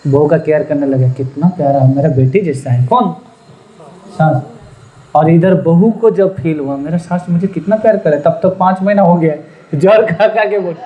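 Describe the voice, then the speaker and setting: A man with a notably high voice tells a moral tale in a sermon. He slips into the voices of his characters and keeps stopping to ask his listeners questions. He talks in a humble, self-deprecating way. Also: narrow, tinny audio. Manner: acts out quoted characters and quizzes the audience; apologetic, humble asides. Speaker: preacher. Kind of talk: storytelling sermon.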